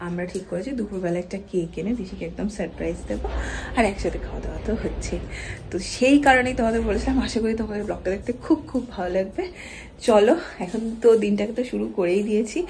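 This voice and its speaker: A woman vlogging casually at home about a family birthday, speaking softly. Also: mid-range voice, fast talker, a little hiss or hum. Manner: hushed, soft-spoken narration. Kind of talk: casual vlog chat.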